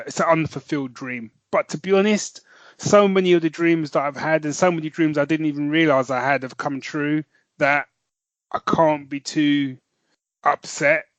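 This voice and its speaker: A man with a slightly high voice co-hosts a podcast and also writes novels, recorded with no echo. In casual conversation he rambles, corrects himself, and laughs easily.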